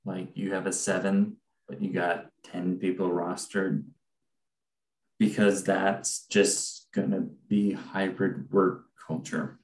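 A man's voice: sits low, little pitch movement, slow, echoey room, low-quality recording. A man speaking casually in a video call meeting, thinking aloud and hedging.

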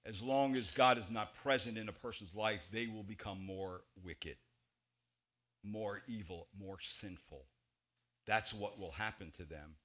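A man in his forties, a pastor preaching an expository sermon in a church, with emphatic stresses and quiet low drops. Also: measured pace. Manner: emphatic, gesturing widely, swings between loud stresses and quiet low drops. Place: church sanctuary at a pulpit.

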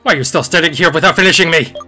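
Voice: mid-range voice, rapid-fire, pushed and bright, faint music behind, voice pushed up. Someone putting on a theatrical, menacing villain shadow double. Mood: anguished disbelief. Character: bitter, jealous shadow double, menacing and unhinged.

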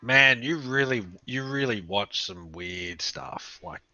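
A man's voice: medium pitch, animated, takes it slowly, bright, forceful tone, no echo, muffled recording. A man co-commentating a game in casual banter, joking, swearing freely and tripping over his words.

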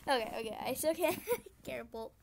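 A woman's voice: high-pitched, fairly quick, vocal fry, slight background noise. Young woman venting through gaming commentary. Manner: frustrated, chatty, exclaims at the game. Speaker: YouTuber.

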